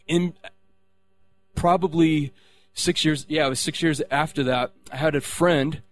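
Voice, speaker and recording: A man's voice: a little high, fairly even intonation, a little slow. A man sharing a personal faith testimony, rambling, with many restarts and fillers.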